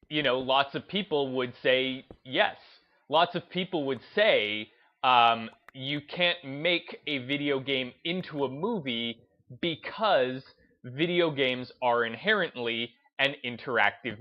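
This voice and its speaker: Music runs beneath a somewhat dull recording as a mid-range male voice delivers unscripted gameplay commentary for a video. Taking his time, the host reflects aloud, pausing and frequently returning to reword what he just said.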